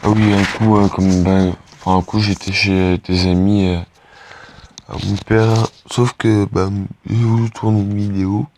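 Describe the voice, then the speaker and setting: A man's voice: lowish voice, level tone, a little slow, darkish tone, slight background noise. A teenage boy chatting casually to his viewers while playing a game, rambling and hesitant, full of fillers and restarts. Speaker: gaming YouTuber. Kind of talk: casual gameplay commentary.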